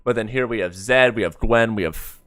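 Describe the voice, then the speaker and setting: This streamer has a fairly low but bright-toned voice and keeps a moderate pace as he reacts casually to an animated comic. He rambles and keeps correcting himself partway through his thoughts, his words trailing off. The sound is dry and clean, like a studio.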